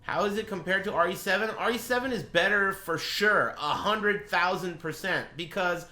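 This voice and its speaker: A game streamer rambles casually through blunt, crude, joking impressions, swearing plenty. His voice sits high and sounds bright and forceful at a normal speed, with roomy echo in the recording.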